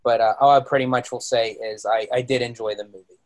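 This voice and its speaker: Man chatting haltingly on a podcast. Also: mid-range voice, fairly even intonation. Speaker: podcast panelist. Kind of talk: casual chat.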